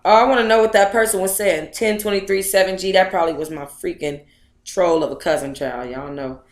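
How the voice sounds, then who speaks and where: In an echoey room, a woman with a fairly low, steady voice speaks briskly as she livestreams and reads aloud from a book she wrote. Her talk with viewers is relaxed, playful, and full of slang.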